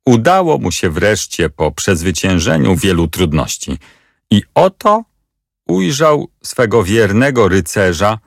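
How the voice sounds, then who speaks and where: A male audiobook narrator with a low, gravelly voice reading in a measured, expressive way. His pitch moves widely and he takes his time, and the sound is dry and close. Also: dry recording.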